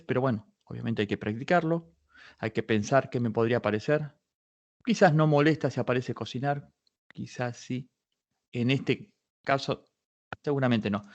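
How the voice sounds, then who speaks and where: A man's voice: mid-range voice, a little mellow, highs cut off. A man in a workshop, walking listeners step by step through a database search, thinking aloud and correcting himself as he goes. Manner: explains step by step, thinking aloud with many restarts. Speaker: workshop instructor. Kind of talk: live online patent search tutorial.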